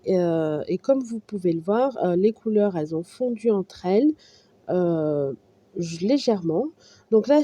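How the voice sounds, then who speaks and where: A woman's voice: medium pitch, mellow. A woman narrating a casual craft tutorial, hesitant, with many fillers and restarts as she explains her steps. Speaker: art journal crafter.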